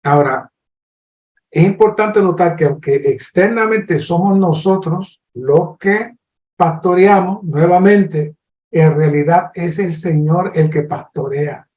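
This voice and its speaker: A man's voice: sits high, roomy sound. A man with a Colombian Spanish accent preaching a sermon, teaching earnestly and acting out questions. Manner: slow, earnest teaching with lively acted-out questions.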